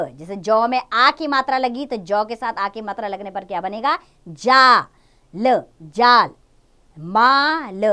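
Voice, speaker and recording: A young woman teaching a Hindi lesson to small children. She draws out each word slowly, repeats it, and coaxes them with questions. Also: a little high, sharp tone, smooth. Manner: drawn-out syllables when modelling words, repeats each word twice. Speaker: primary school Hindi teacher.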